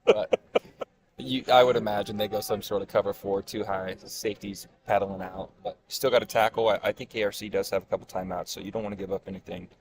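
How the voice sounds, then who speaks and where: Low-voiced man giving football analysis. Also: fast talker, a crowd in the background. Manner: relaxed, conversational, with fillers and restarts. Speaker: color commentator and high school coach. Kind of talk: casual analytical sports commentary.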